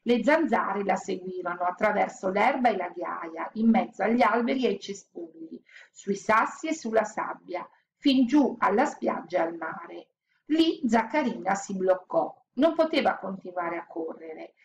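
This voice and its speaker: A woman narrating a children's story aloud in a calm, expressive storytelling manner. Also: medium pitch, measured pace, gravelly, dull audio, slight background noise. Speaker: audiobook narrator.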